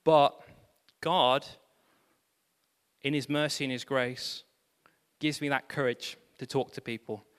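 A man pastor preaching a sermon, animated, with self-deprecating humor and exclamations of praise. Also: medium pitch, takes it slowly, clean tone, big-room sound.

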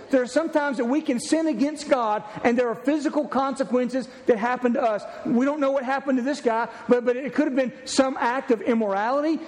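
Pastor, male, very high voice, earnest sermon delivery with restarts, reverberant church hall. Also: a little mellow. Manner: earnest preaching with repeated restarts. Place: church sanctuary.

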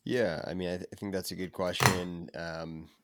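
A hoarse young man from the United States, sick with covid, talking earnestly and reflectively as a podcast guest. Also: low voice, level tone, moderate pace, very noisy. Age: young adult. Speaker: podcast guest, endurance runner. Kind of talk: casual interview chat.

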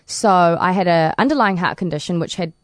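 Chatty New woman, low voice. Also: fairly quick, no room sound, studio quality. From New Zealand. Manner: chatty, laughs often. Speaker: interview guest, para swimmer. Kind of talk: casual interview answers.

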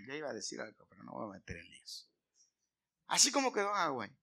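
A male pastor preaching a sermon to his congregation. He asks the listeners questions and swings from loud emphatic lines to quiet asides. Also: medium pitch, huge pitch swings, fairly quick, vocal fry, slightly rough. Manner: asks the congregation questions, sings snatches of a hymn.

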